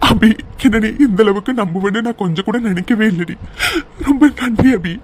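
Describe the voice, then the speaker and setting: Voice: mid-range voice, brisk, slight background noise, natural voice. A distraught young husband from a cartoon serial, played by a voice actor, begging his wife to trust him. His voice sits in a middling range, wet with tears and full of repeated pleas. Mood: pleading. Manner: pleading, tearful, repeats himself. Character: young husband, anguished and pleading.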